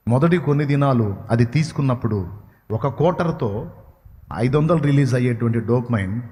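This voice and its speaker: Preaching a sermon in a mid-range, somewhat mellow voice, a man grows impassioned, asking his audience questions and at moments breaking into pleading cries. The hall gives the recording a long reverb.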